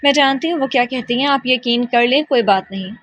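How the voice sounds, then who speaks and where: A shy young wife in a storybook, soft and hesitant, her words trailing off, as a woman narrator voices her. The voice sits fairly high and stays quiet. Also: no echo.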